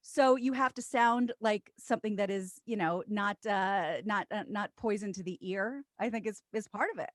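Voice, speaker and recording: A woman in her thirties, a radio co-host and voiceover artist, chatting as a guest with self-deprecating asides in a trained low broadcast voice. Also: normal speed, few pauses, dry recording, studio quality. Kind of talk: casual interview chat.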